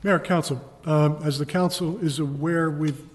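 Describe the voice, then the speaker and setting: A man presenting a report to a town council as an official, explaining in a halting, measured way. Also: on the high side, steady tone. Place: council meeting room. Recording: reverberant meeting hall.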